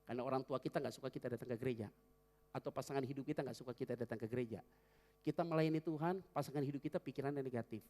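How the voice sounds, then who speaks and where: A pastor preaching a sermon in church, swinging between fervent loud passages and hushed, prayerful ones. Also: male voice, mid-range voice, rapid-fire, in a large hall.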